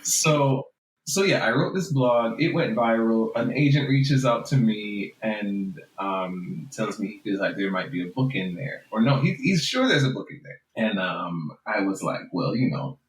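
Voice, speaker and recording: A man's voice: lowish voice, expressive, a little slow, slight background noise. A man with a Jamaican accent, telling his story as a podcast guest in an earnest, reflective way and laughing often. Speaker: guest author. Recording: roomy echo.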